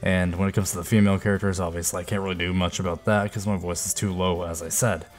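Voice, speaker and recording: Talking fast in a low, level tone, a YouTuber in his twenties who does game voice impressions chats casually into a headset mic. He sits at a desk in a small indoor room, keeping his vlog talk self-deprecating.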